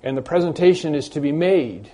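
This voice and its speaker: A male preacher working through a Bible passage, reading the verses out slowly and stressing the same words again and again. His voice sits a little high but has a dark, mellow tone. His delivery is emphatic and steady. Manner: emphatic, repeats phrases, reads scripture aloud slowly. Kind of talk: expository sermon.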